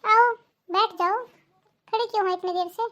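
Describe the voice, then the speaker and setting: A snappish younger daughter-in-law in a cartoon, answering with cold sarcasm, as a woman voices her. Her voice is very high and loud. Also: moderate pace, highs cut off. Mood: sarcastic.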